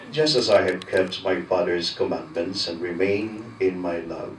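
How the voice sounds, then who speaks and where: Male priest, Filipino accent, low-pitched, measured declaiming delivery, heard from afar in cathedral-like echo. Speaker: priest, homilist. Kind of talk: liturgical reading and sermon. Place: large echoing church interior. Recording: cathedral-like echo, distant mic, faint noise.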